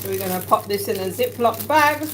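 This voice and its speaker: With an animated, medium-pitched voice and a slightly fast pace, a Jamaican-accented home cook vlogger chats her way through every cooking step in her kitchen. The background is noisy, with dishes and cutlery clattering.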